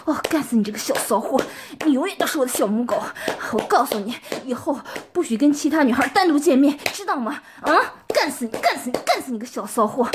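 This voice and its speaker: A woman playing a bossy possessive older schoolmate. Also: high voice. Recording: noisy recording with clicks.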